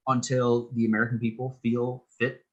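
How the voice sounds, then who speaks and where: A man's voice: mid-range voice, level tone, normal speed, lo-fi sound. A man in his thirties, a political candidate being interviewed, explaining his views earnestly at length with frequent restarts. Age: 30s. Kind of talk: casual interview talk.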